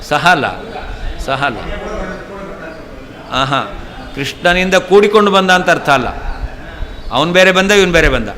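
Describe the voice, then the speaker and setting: An older male scholar teaches a traditional scripture lesson in a temple hall, explaining patiently and repeating key terms. His voice sits high and sounds expressive, pushed and bright, with a measured pace and frequent pauses. The recording carries long hall reverb and faint ambient noise.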